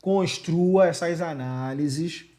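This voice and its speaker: A man's voice: a little high, slow pace, dark tone. A Brazilian man teaching a casual video lesson, emphatic and slangy, who gestures constantly and keeps asking rhetorical questions. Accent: Brazilian Portuguese. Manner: gestures constantly while talking.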